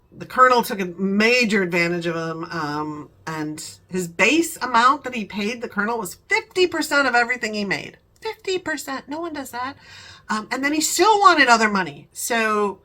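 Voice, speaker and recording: A woman's voice: mid-range voice, pushed and bright. A woman vlogger telling a family story in casual chat, laughing often and acting out the voices of the people she quotes.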